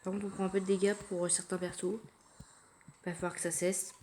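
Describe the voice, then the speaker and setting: A woman giving casual commentary while playing a mobile game, thinking aloud in a quiet, low-key way, recorded through her phone. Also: little pitch movement, brisk, a little hiss or hum. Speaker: mobile gamer narrating her play. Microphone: phone screen recording.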